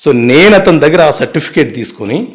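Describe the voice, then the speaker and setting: A man, an advocate telling his life story in an interview, earnest and brisk, mixing in English words. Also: on the high side, lively intonation.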